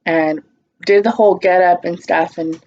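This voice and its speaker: A woman's voice: lowish voice, steady tone, normal speed, a little mellow, highs cut off, slight background noise. A woman vlogger telling a storytime in a casual, blunt and sarcastic way, swearing freely.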